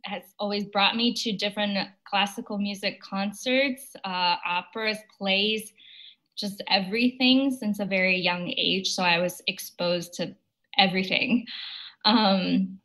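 A woman's voice: medium pitch, fairly even intonation, unhurried, sharp tone, low-quality recording. A young woman from China, an opera singer, talking casually in an interview over a video call, thoughtful and dotted with fillers. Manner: thoughtful, with frequent fillers and light laughs.

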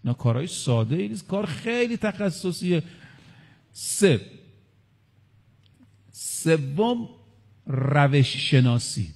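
A man's voice: fairly high pitch, very animated, vocal fry, pauses often, darkish tone, long reverb tail. A male cleric giving a religious lecture. He counts his points aloud and quotes Arabic sayings. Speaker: cleric preacher.

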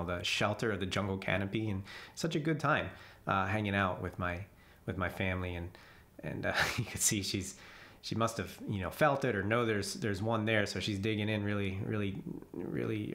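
Guy with a lowish voice doing a laid-back voice-over, laughs a lot, keeps restarting his sentences. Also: a bit bright. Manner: chuckles often, many restarts. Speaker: vlogger telling jungle memories. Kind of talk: casual storytelling voice-over. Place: voice-over, not recorded in the jungle.

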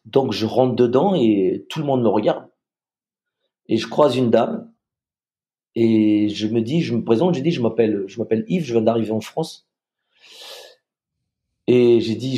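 A man from Madagascar telling a personal story as a podcast guest, halting and repeating words, acting out the people he quotes. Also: mid-range voice, dark tone.

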